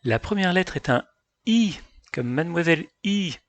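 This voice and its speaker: A man teaching a phonics lesson for young children, calmly addressing parents and carefully sounding out each letter. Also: on the high side, normal speed, no room sound. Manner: addresses parents directly, calm and patient.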